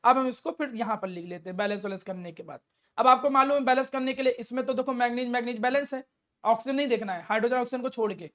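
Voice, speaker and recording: A woman's fairly high, slightly bright voice moves at a quick pace through a step-by-step chemistry lesson. This classroom lecture has her asking and answering her own questions while affectionately addressing the student.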